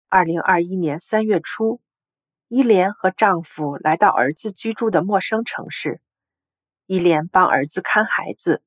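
Low-voiced woman reading a story. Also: no echo. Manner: steady, even storytelling read. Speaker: narrator. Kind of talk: scripted narration of a story article.

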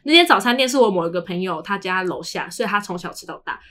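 Expressive and fast, her medium-pitched voice bright and forceful, this young woman co-hosts a casual podcast chat. She has a Taiwanese Mandarin accent and acts out dialogue as she tells her chatty stories.

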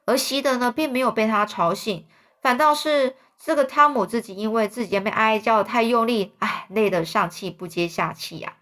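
A woman's voice: fairly high pitch, brisk, fairly bright tone. A woman retelling a children's story in a chatty way, often rephrasing to explain.

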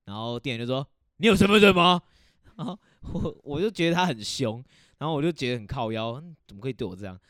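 Young man, podcast co-host, quirky jumpy intonation, smooth resonant voice, dry close mic. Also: mid-range voice, lively intonation, fast talker, no room sound. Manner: odd, quirky intonation when nervous. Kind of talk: casual chat.

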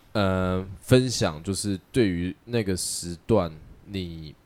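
Low-voiced podcast host, teasing interjections. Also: male voice, darkish tone. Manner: chimes in with short prompts and teasing. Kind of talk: casual podcast chat.

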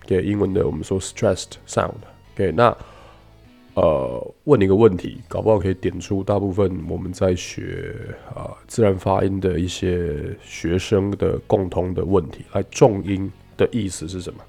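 A man teaching English pronunciation in a lesson, explaining patiently and demonstrating words slowly. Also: deep voice, fairly even intonation, creaky, mellow, faint music behind. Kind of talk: radio-style English lesson.

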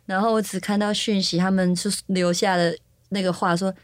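A woman's voice: mid-range voice, a little fast, dry recording, studio quality. A Taiwanese woman hosting a podcast, telling a travel story in casual chat with a Taiwanese Mandarin accent and acting out the dialogue. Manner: animated storyteller who acts out quoted dialogue. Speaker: podcast host. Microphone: studio microphone.

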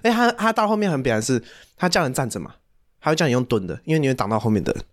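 A young man with a Taiwanese Mandarin accent, co-hosting a casual podcast and telling stories in an animated way, full of slang and swearing. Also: medium pitch, very fast. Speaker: podcast co-host. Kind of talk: casual chat.

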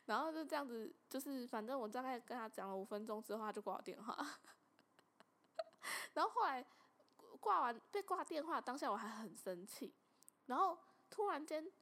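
A young woman with a Taiwanese Mandarin accent hosting a casual podcast, telling stories in an animated way and laughing often. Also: high-pitched, moderate pace, long pauses. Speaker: podcast host.

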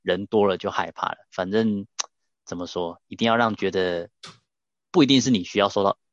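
Deep-voiced male interview host. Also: fairly quick, dry recording, highs cut off. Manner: reflective, builds on guest's points. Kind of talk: casual interview talk.

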